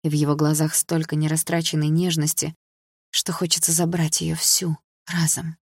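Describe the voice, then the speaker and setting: Low-voiced woman reading a novel. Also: flat delivery, normal speed, breathy edge, no echo, studio quality. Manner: intimate, emotional storytelling. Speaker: audiobook narrator. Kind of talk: first-person novel reading.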